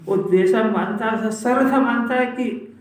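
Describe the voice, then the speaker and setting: A man delivers a scripture discourse in a conversational teaching manner, pressing his listeners with one rhetorical question after another. His voice sits high for a man. He is picked up from a distance, with heavy room echo around him. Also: normal speed. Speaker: Jain scholar giving a discourse. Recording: echoey hall, speaker far from mic.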